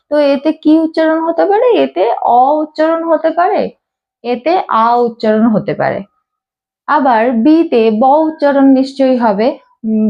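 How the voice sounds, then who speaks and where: In a classroom with a board, a female English teacher patiently goes over pronunciation with a small class, repeating every sound many times. Her voice is high but dark in tone, and the recording quality is low.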